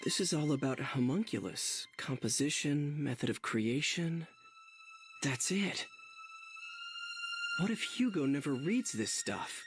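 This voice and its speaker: A man's voice: a little high, lively intonation, unhurried, pauses often, noisy background. A man voicing an earnest young hero who thinks aloud in a video game. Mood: pondering. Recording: game music behind the voice.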